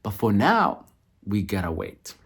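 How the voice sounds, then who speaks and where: A man's voice: fairly low pitch, huge pitch swings, unhurried, creaky, a bit bright, husky. A man, around middle age, giving a candid personal update to viewers in an emphatic way, repeating phrases for stress. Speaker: foster parent vlogger.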